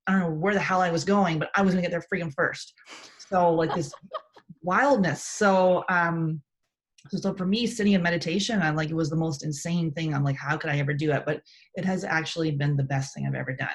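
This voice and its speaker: Blunt, swearing woman podcaster, lowish voice. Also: steady tone. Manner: blunt, swears, fast bursts of frustration. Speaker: podcast co-host. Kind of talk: casual podcast chat.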